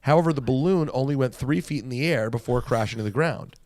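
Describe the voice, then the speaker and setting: A man co-hosting a podcast, playful and argumentative in casual chat, who slips into telling little stories. His pitch sits in the middle range. The sound is dry and close. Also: fast, a little mellow, no room sound. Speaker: podcast co-host.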